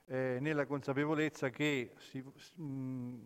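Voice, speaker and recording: A man gives a formal, halting council speech through a face mask, repeating points for emphasis. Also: medium pitch, level tone, smooth. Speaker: local councillor speaking for the administration. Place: reverberant council meeting hall. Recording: echoey hall with long reverb.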